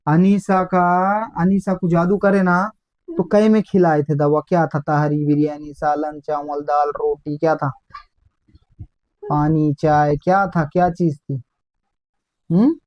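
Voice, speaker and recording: A man's voice: on the high side, little pitch movement, unhurried, lo-fi sound. A man, acting as a faith healer, harshly interrogating and scolding during an exorcism. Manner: harsh, scolding, barks demands. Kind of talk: commanding interrogation.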